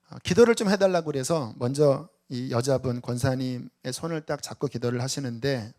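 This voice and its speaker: A man's voice: on the high side, a little mellow. A man preaching a Sunday sermon as pastor, asking rhetorical questions and telling stories. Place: church sanctuary.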